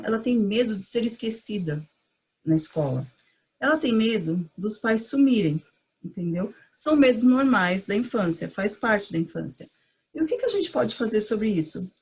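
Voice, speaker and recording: A woman with a slightly husky voice talks parents through everyday advice in an easy, conversational way. She fills her speech with little check-ins and fillers, and she slips into a soft, reassuring tone whenever she plays a mother comforting her child. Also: mid-range voice. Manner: chatty, uses many fillers like "entendeu" and "tipo assim"; acts out gentle mother-to-child lines. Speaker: early childhood educator. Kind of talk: casual advice talk to parents.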